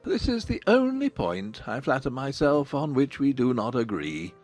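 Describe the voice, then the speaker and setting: An actor playing a dry, middle-aged gentleman father in a dramatized audiobook, coolly ironic and deliberate. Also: mid-range voice, very animated, soft background music. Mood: cool, mocking. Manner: coolly deliberate, drawling irony.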